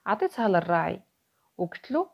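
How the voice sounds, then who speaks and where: A woman narrator takes the part of an old sheikh in a folktale. The voice is fairly low with a Moroccan accent, earnestly recounting a sorrowful tale. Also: sing-song, quick pace, gravelly, lo-fi sound, full character voice. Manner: earnest, storytelling.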